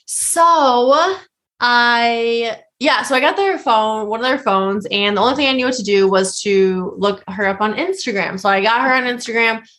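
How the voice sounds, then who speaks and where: Rambling, animated young woman storyteller. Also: on the high side, moderate pace. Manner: rambling, animated, laughs often. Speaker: podcast host. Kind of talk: casual storytelling chat.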